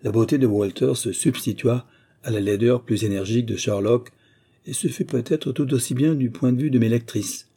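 A man narrating a literary audiobook in a measured, even reading. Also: medium pitch, husky.

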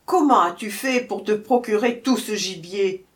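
A woman's voice: mid-range voice, measured pace, lightly acted. A woman voicing a furious, menacing lioness who barks orders and threats in a storybook reading. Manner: commanding, threatening, loud.

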